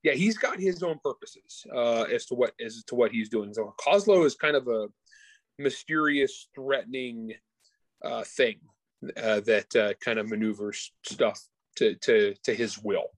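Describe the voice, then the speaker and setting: Discussing his own book as an interview guest, the man uses a medium-pitched voice at a slightly slow pace. His talk is casual and full of slang, with frequent sentence restarts, and there is no echo.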